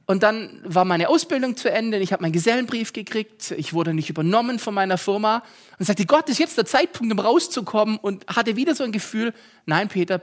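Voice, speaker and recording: A man in his thirties preaches to his congregation, telling a story from his own life in a sermon. His delivery is even and middle-pitched, and it jumps up in pitch and volume when he acts out his own cries. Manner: storytelling, acts out his own pleas with sudden loud rises. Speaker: pastor. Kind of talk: sermon with personal testimony.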